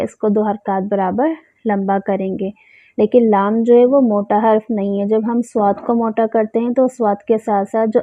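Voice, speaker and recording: Flat-voiced woman teaching recitation. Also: a little high, dry recording. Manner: slow drawn-out recitation between plain explanations. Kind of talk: tajweed lesson. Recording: tinny phone-like sound, dry.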